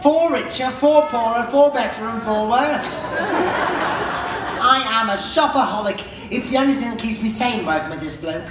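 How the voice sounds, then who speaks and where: A man playing a shrill, camp, vain and bawdy pantomime dame, theatrically working the audience in a stage comedy. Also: moderate pace, distant mic. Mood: cheeky. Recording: echoey theatre stage, music and crowd noise.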